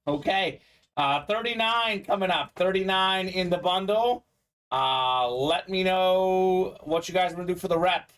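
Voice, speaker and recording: A man hosting a live sports memorabilia break, talking in a bright, fairly high register. He keeps up a quick, chatty patter and reads viewer comments aloud. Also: clear, resonant tone. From Bulgaria. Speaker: sports card break host. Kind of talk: live-stream sales patter.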